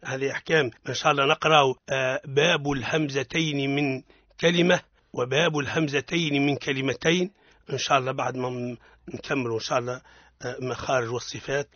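A husky-voiced man with a Tunisian Arabic accent leads a radio recitation lesson. He patiently corrects his student and models the verses slowly. The sound is dry and a little dull, as on a radio studio recording. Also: medium pitch, steady tone, a bit bright, dry recording. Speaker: Quran recitation teacher.

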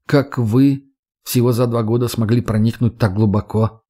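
A man voicing a blunt, sulky young swordsman in an audiobook, answering curtly and gruffly. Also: mid-range voice, steady tone, moderate pace, warm tone, close to an everyday voice. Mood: sullen.

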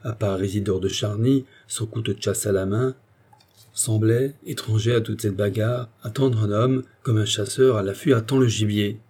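A man narrating a classic novel as an audiobook, with expressive, theatrical delivery. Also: lowish voice, moderate pace, husky.

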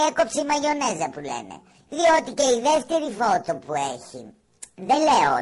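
A Greek woman hosting a radio show, her voice sitting fairly low while it swoops up and down with animated expression. She talks in a playful, teasing way, putting on mock-serious judgements. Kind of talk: casual on-air commentary.

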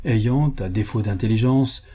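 A man narrating a novel as an audiobook in a measured, even storytelling manner. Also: lowish voice.

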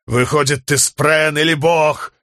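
A man voicing a desperate, defiant aging warlord prince who pleads and shouts at the sky. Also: sits low, expressive, slow, breathy edge, no room sound, clean studio sound, full character voice.

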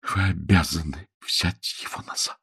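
A man's voice: mid-range voice, expressive, brisk, vocal fry, husky, voice pushed up. A man voicing a tearful reproachful young woman. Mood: sorrowful. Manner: soft, trembling and pleading.

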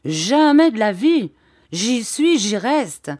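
A woman's voice: fairly high pitch, sing-song, slow, darkish tone, no room sound, pitched above the performer's own voice, exaggerated voice. A woman reading an audiobook, voicing a bold, stubborn Parisian companion who talks in a familiar, teasing way. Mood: defiant. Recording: dry close audiobook recording.

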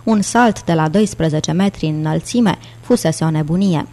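A woman reading a thriller audiobook aloud in a steady, dramatic narration. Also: deep voice. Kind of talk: scripted narration.

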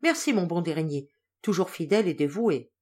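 An excitable, warm-hearted old general speaks emphatically, as a woman reader puts him on. Her pitch swings in lively arcs. This is a storybook audiobook. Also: a little fast. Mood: agitated.

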